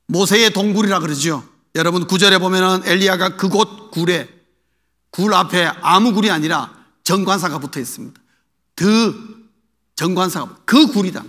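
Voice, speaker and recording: A man's voice: sits high, normal speed, bright, forceful tone. A male pastor preaching a sermon in a church, emphatic and putting rhetorical questions to the congregation, in an echoey hall. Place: church sanctuary. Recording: echoey hall with long reverb.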